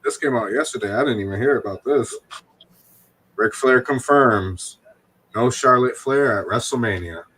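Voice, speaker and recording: A man's voice: medium pitch, normal speed, a bit bright, slightly rough, poor audio. Laid-back man reading wrestling news. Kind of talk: casual chat.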